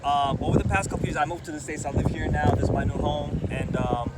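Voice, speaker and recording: A man's voice: fairly high pitch, steady tone, fast talker. A man from Turkey chatting outdoors, hesitant and stammering as he explains himself. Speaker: passerby. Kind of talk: casual conversation. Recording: loud wind noise on the mic.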